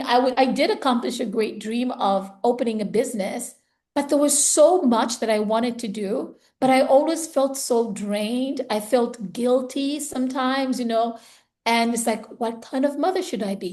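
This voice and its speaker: Earnest, higher-voiced woman in a heart-to-heart. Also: moderate pace, darkish tone. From born in Zambia, raised in the US. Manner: earnest, reflective, frequent "you know" and "like". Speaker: podcast conversation partner. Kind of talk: casual heartfelt conversation. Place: home, based in Italy.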